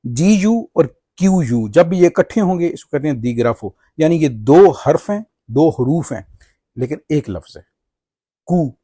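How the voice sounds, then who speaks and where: Male tutor, unhurried and patient, mellow tone, repeats and spells each word. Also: a little high, animated, husky, no room sound, studio quality. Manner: slow, patient, spells out words letter by letter. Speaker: language teacher. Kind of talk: explaining Spanish vocabulary in Urdu.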